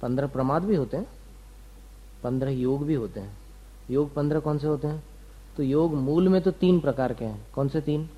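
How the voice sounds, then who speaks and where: A man's voice: a little high, moderate pace, long pauses, dark tone, poor audio. A man giving a doctrinal lecture to students, asking and answering his own questions and listing terms one by one. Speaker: religious teacher.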